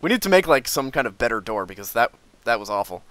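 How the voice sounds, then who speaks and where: A man's voice: medium pitch, big pitch swings, fast, a bit bright, no room sound. Rambling young man narrating his gameplay. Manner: rambling, hesitant, many fillers and restarts. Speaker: gaming video host. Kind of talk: casual Minecraft commentary.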